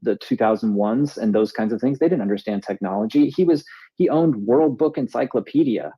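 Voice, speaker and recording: A man's voice: medium pitch, fairly quick, slightly rough, highs cut off. A man co-hosting a talk show, explaining things casually as an author. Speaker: co-host and author.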